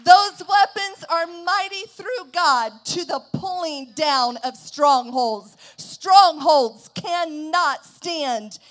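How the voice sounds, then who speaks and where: A woman preacher delivering a sermon to a church congregation, declaiming slow emphatic lines that build to loud shouts. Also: very high-pitched, low-quality recording. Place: church service.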